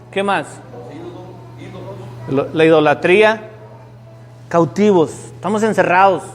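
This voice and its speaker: High-voiced preacher in a hall. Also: male voice. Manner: storytelling preacher, rising to emphatic peaks, asks the congregation questions. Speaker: pastor. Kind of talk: sermon.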